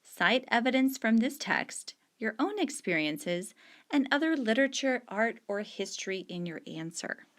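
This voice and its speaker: Pen in hand, annotating the page on screen, a middle-aged woman teacher patiently explains discussion questions to her students and emphasizes key words. She speaks a little high, in a sing-song way, at a moderate pace with a fairly bright tone.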